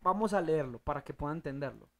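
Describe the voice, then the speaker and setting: A Bible teacher leading a study group, emphatic, putting questions to the audience and answering them, with loud rising bursts. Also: medium pitch, expressive, fast.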